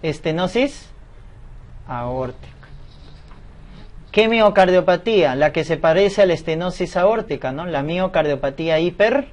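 A man's voice: fairly high pitch, expressive, moderate pace, pauses often. A man lecturing as a medical exam tutor, asking questions aloud and answering them himself. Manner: explanatory, asks and answers his own questions.

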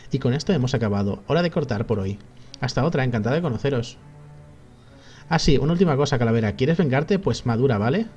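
A man's voice: medium pitch, lively intonation, fast, a little mellow, faint music behind, lightly acted. A man reading as a smug mocking reaper. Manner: taunting, sarcastic. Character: smug mocking male reaper, young adult. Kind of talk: reading game dialogue aloud.

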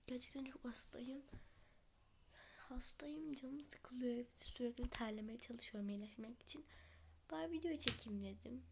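A woman with a hoarse cold voice vlogs from home into her phone camera. Her speech is high and gravelly with a lot of fry, and much of it slips into a breathy half-whisper. She chats casually and straight to her viewers. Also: moderate pace, fairly bright tone, a little hiss or hum. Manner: chatty, talks straight to viewers. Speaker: vlogger. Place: at home, indoors.

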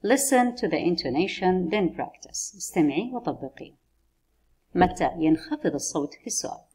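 A woman teaching an English textbook lesson. She reads the model phrases slowly and carefully, then explains them quickly. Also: lowish voice, animated, a little mellow, husky.

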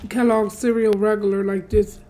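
A woman with a mid-pitched voice hosts a casual eating ASMR session. She speaks in short, offhand remarks with little murmured hums between bites. There is some noise in the recording. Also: level tone, moderate pace, warm tone, poor audio. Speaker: mukbang host.

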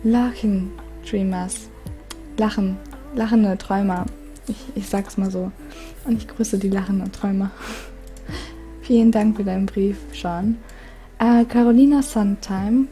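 A woman YouTuber with a calm, soothing voice, casually reading viewer letters aloud and giggling often. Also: mid-range voice, unhurried, long pauses, faint music behind. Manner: giggly, reads letters aloud with frequent laughs. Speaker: gaming YouTuber.

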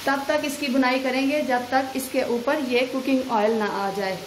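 A woman's voice: high-pitched, normal speed, reverberant, slight background noise, poor audio. A woman, a cooking channel host, talking through a recipe step by step in a voice-over. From Pakistan. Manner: steady step-by-step instructions.

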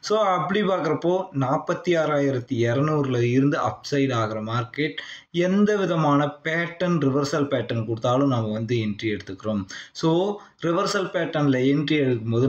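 Tamil-accented man teaching, roomy lo-fi sound. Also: mid-range voice. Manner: explanatory, checks in with the listener often; reads out long price figures in a steady list. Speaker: stock market trading teacher. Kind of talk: screen-recorded chart lesson. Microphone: voice-over on a screen recording.

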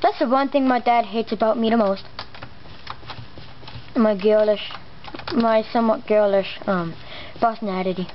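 In a steady mid-range voice at a moderate pace, broken by long pauses, the let's play host offers casual gameplay commentary laced with swearing and muttered exclamations. His R sounds are slightly imprecise, and the camera aimed at a monitor yields muffled, noisy lo-fi audio.

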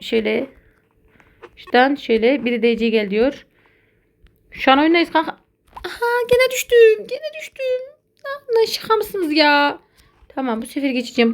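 High-voiced excitable woman gamer. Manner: excitable, chatty, addresses viewers as buddies. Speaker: gaming content creator. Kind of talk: casual gameplay commentary.

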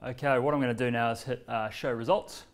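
Speaking in a mid-range voice, a New Zealand man in his thirties runs an informal workshop demonstration of a learning tool. He stays loose and conversational, pausing often and using many fillers, while he paces between laptop and screen. A far-off camera records him in a well-lit, medium-sized indoor meeting room that has a screen.

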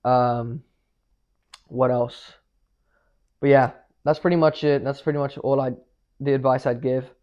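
A young man talks straight into a shaky handheld camera, handing out gym advice in a blunt, swearing, no-nonsense way. His voice stays flat and even, full of fillers and quick restarts. The audio is dull and lo-fi. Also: medium pitch. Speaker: fitness vlogger. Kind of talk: casual advice vlog.

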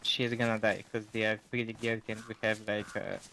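A man's voice: on the low side, little pitch movement, brisk, vocal fry, sharp tone, a little hiss or hum. Hesitant man on voice chat. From Bulgaria. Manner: hesitant, lots of "uh". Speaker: fellow player. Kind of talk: casual in-game voice chat.

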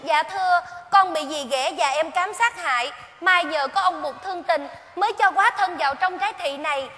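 A woman's voice: very high voice, normal speed, sharp tone. A woman playing a meek, polite young village girl, pleading in a live stage comedy. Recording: stage hall reverb with music.

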